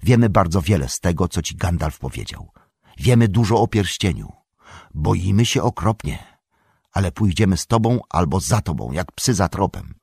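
A man's voice: sits low, animated, moderate pace, creaky, darkish tone, breathy edge, no echo, heavily acted. A man voicing a steadfast young male hobbit friend who speaks earnestly and reassuringly in an audiobook. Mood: resolute. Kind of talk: audiobook character voice.

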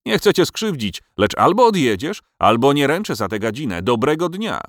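A man's voice: mid-range voice, very animated, normal speed, no room sound, studio quality, voice pushed up. A man voicing a bold, cheerful farmer who teases a king in a storybook reading. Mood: cheeky. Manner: cheerful, teasing, stubborn.

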